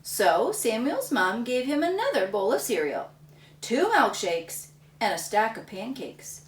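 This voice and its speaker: A woman hosting a children's storytime, reading aloud expressively with exaggerated, drawn-out emphasis. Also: a little high, sing-song. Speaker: children's storytime reader and host. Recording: roomy echo, distant microphone.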